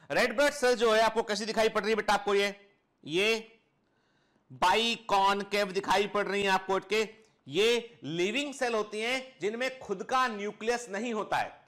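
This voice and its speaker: A man's voice: sits high, fairly bright tone. A man lecturing students as a biology teacher, explaining step by step, repeating key points and often checking they follow. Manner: explanatory, addresses students fondly as children; checks understanding with frequent short tag questions. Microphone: clip-on lapel mic.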